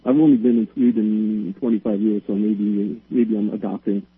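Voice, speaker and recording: A man with an Ohio accent calling in to a radio show, talking haltingly with many restarts. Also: on the low side, level tone, husky, no room sound. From Ohio, United States. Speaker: caller. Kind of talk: phone-in call. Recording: tinny phone line.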